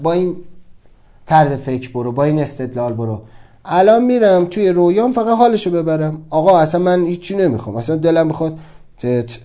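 Earnest, mellow-voiced man. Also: a little high. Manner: earnest, urgent, repeats himself for emphasis. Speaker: motivational speaker. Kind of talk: casual motivational talk.

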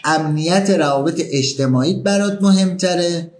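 A man giving a motivational talk, pressing the listener with emphatic questions. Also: on the high side. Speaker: motivational speaker.

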